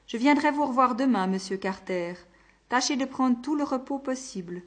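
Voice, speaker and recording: A woman's voice: sits high, lively intonation, normal speed, pitched above the performer's own voice. A woman voicing a polite male doctor giving bedside advice. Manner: polite, reassuring. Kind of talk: audiobook character voice.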